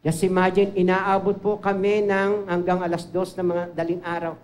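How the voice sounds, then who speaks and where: A man's voice: sits high, normal speed. Older man, Filipino accent, pastor, sermon, personal testimony, emphatic bursts, mixes in English phrases. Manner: animated preaching, mixes English phrases into Tagalog, rises sharply for emphasis.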